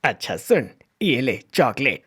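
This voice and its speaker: A man voicing a scheming middle-aged village merchant in a cartoon, coaxing low and slow. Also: big pitch swings, fairly bright tone, husky, heavily acted.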